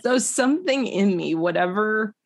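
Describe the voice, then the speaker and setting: A woman's voice: mid-range voice, moderate pace, no room sound, studio quality. A woman, a podcast guest telling her story in a casual chat and acting out the voices of other people. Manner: animated storyteller acting out quotes. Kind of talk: casual testimony conversation.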